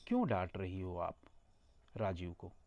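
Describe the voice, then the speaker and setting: A man's voice: deep voice, big pitch swings, a little slow, a little mellow, full character voice. A man voicing a polite young woman who speaks a little hesitantly to her older neighbor.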